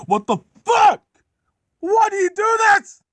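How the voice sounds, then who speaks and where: A man voicing a huge, proud, grumpy male express engine, shouting in strained, drawn-out outrage. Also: very high-pitched, big pitch swings, no echo, voice pushed up, heavily acted. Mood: outraged.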